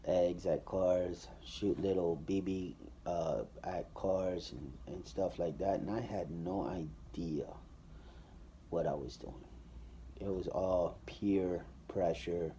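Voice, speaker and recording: A man's voice: low-pitched, warm tone, slight background noise. A man giving a personal testimony in a casual, conversational way, with plenty of fillers and restarts.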